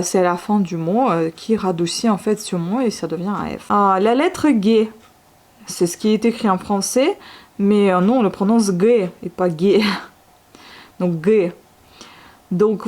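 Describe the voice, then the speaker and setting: A woman's voice: mid-range voice, darkish tone. A woman who is a native Russian speaker explains the Russian alphabet in a casual lesson, with many fillers and restarts. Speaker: Russian language teacher.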